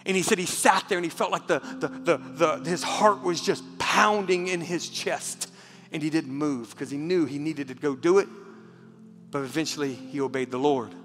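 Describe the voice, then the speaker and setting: A man preaches from the pulpit with fervor, his voice pitched high and bright. He stumbles over repeated words as he pushes on, then sinks to a near whisper. The sound carries a long church-hall reverb with faint music beneath. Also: moderate pace. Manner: passionate, repeats words when moved, drops to a hush for the story. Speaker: pastor. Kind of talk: sermon. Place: church sanctuary.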